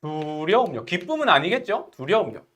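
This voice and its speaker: A woman's voice: lowish voice, normal speed. A woman teaching literature in an online exam-prep lecture, explaining animatedly and asking questions. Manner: animated, explaining with acted quotes.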